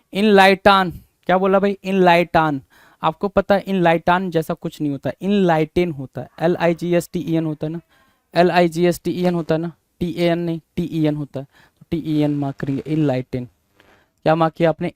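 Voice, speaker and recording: A man's voice: on the high side, darkish tone, dry recording. A male teacher giving a spelling lesson, spelling words out letter by letter and repeating questions back to his students.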